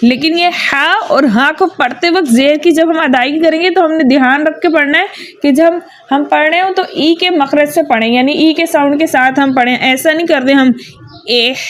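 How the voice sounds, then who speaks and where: High-voiced woman teaching Quran recitation. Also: normal speed. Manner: patient, repeats each sound twice, checks with "theek hai". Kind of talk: tajweed lesson with drilled letter sounds.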